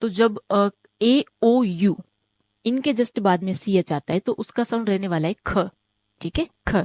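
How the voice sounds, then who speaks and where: A woman teaching an online German lesson, explaining step by step, often checking with "ठीक है?", and saying each example word slowly twice. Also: mid-range voice, a little mellow, dry recording.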